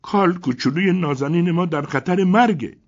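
Man doing a shrill wailing older wife. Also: animated, muffled recording.

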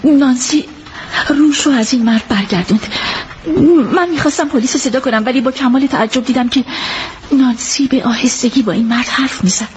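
An earnest female witness, voiced by a woman in a radio drama dub, telling her story in careful detail out of loyalty to her friend. Her voice sits somewhat high. Her manner stays sincere and steady. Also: slight background noise, natural voice. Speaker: witness giving a statement.

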